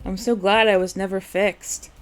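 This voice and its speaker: A woman improvising a sleazy, smooth-talking alley cat pushing a shady deal. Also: little pitch movement, normal speed, faint music behind, close to an everyday voice. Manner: sly, sleazy pitch. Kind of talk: improv comedy scene.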